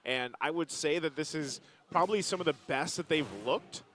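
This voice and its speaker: A man's voice: on the high side, normal speed. A man giving live esports color commentary, talking through the game in loose, rambling analysis on a headset mic. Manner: relaxed, rambling analysis with fillers.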